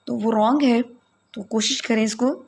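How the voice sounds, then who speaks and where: A woman's voice: fairly high pitch, steady tone, very noisy. A woman teaching Quran recitation rules in an online class, patient and corrective with her students. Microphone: online call.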